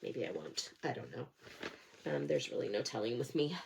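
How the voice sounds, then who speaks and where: Chatting casually to camera about cross-stitch, a middle-aged woman speaks at a normal speed in an extremely low, gravelly voice with big swings in pitch. Background noise is present. She sounds a little nasal and sore-throated from a cold, and her talk is rambling, self-deprecating and stuffed with fillers.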